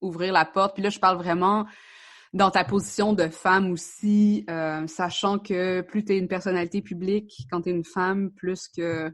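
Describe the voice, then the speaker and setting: A woman with a Québécois French accent, a podcast host asking relaxed questions and mixing in English words. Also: fairly low pitch, normal speed. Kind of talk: casual interview chat.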